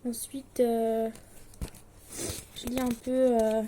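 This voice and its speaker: Speaking extremely slowly, this late-teen Swiss distance-learning student vlogs to the camera about her studies in a warm, level, high-leaning voice. Her chat is casual but hesitant and filler-laden, anxious and self-deprecating, with a little hiss or hum in the recording.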